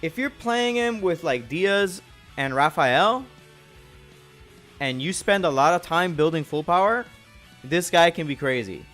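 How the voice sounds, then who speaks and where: A man streamer talking through game tactics in a relaxed, explanatory way. His voice is fairly high for a man. Soft guitar music plays quietly in the background. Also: slow. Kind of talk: casual game commentary.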